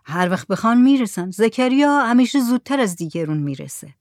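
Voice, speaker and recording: Woman reader voicing an older village headman, brisk and persuasive, storybook tale. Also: a little high, big pitch swings, darkish tone, no echo, clean studio sound. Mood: coaxing.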